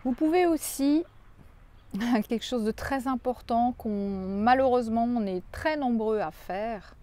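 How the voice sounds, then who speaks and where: Gentle reassuring woman coach. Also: on the high side, a little slow. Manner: gentle, reassuring, repeats phrases for emphasis. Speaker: personal development coach. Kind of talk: coaching video addressed to viewers.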